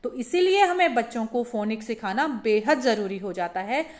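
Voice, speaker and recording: A woman teaching a phonics lesson for parents, demonstrating each letter sound slowly. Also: a little high, expressive.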